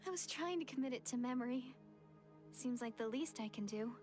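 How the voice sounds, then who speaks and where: A woman's voice: high voice, expressive, darkish tone. A woman playing a shy, awkward, devoted young woman in a fantasy video game, speaking hesitantly. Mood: flustered, shy. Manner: hesitant, halting. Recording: game music behind the voice.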